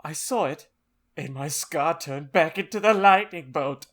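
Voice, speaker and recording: A man's voice: a little high, unhurried, a bit bright. A man voicing overwrought, theatrical wizard characters in a comedic audiobook reading. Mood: anguished. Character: melodramatic male wizards and vampire boy, excitable.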